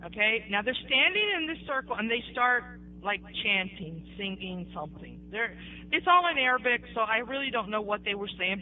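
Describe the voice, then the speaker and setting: An American woman telling her conversion story in animated casual talk, often checking in with her listeners. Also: mid-range voice. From United States. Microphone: online voice-chat room microphone. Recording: tinny voice-chat line with faint hiss.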